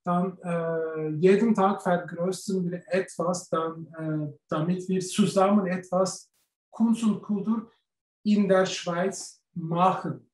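A man, answering interview questions over a video call, often pausing and searching for words. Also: sits high, fairly even intonation. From Turkey. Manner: searching for words, many pauses and fillers. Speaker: festival organizer. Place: indoor office with film posters. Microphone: webcam on a video call. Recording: echoey room.

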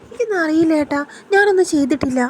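Sly young guy, sneery and then begging, high voice, as a woman puts him on. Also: animated, very fast, a little hiss or hum. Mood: pleading. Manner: mocking, then defensive denials. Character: scheming young man, sneering then pleading.

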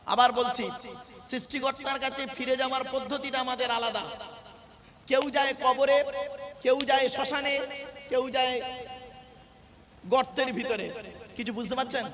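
A man preaching in a very high voice to a live gathering, with the crowd clearly audible behind him. He keeps quizzing his listeners with questions. He leans hard on key words and draws them out. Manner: fires rhetorical questions at the audience; stresses and stretches words to correct pronunciation. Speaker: Islamic preacher. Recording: live sermon with crowd noise.

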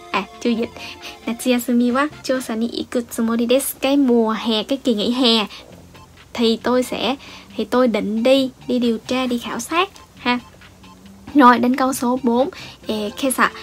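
Cô giáo dạy tiếng Nhật giọng nữ hơi cao. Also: female voice, a little high. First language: Vietnamese. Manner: patient, explanatory, many fillers and rising "ha" tags. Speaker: Japanese language teacher. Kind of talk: explaining exam answers.

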